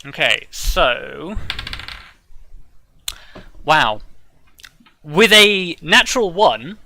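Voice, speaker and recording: A man narrating a tabletop role-playing game as game master, improvising haltingly as he goes. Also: fairly high pitch, very animated, vocal fry, background noise.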